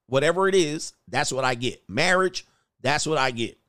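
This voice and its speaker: A man putting on the inner voice of a scheming woman, quiet and musing. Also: medium pitch, expressive, moderate pace, lightly acted. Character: scheming woman plotting what she gains.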